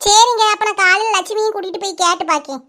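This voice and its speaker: A woman's voice: very high voice, fast, bright, forceful tone. A woman voicing a kindly, bossy middle-aged village woman in a cartoon, fussing affectionately, with a Kanyakumari Tamil accent. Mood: homely. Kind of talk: cartoon voice acting.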